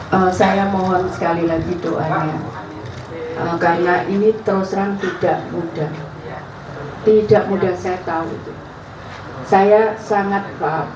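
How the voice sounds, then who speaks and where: A woman with an East Javanese accent, a political candidate giving an informal campaign speech as chatty storytelling with frequent laughs. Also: medium pitch. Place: community event space. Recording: echoey, distant, noisy room.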